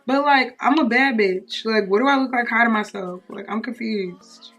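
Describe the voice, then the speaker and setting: Young woman chatting, sharp bright voice, bit far from mic, slangy, thinks out loud, soft music behind. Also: fairly high pitch. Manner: slangy, halting, thinking aloud. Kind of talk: casual girl-talk chat. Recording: slightly distant from the microphone.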